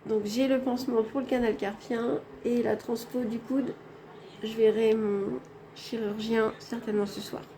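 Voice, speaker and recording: Woman filming herself on her phone in a hospital room, kinda high voice, faint hiss behind. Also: steady tone, measured pace, warm tone. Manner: chatty, addresses viewers directly. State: tired after anesthesia. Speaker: vlogger. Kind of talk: casual hospital vlog. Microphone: phone held in hand.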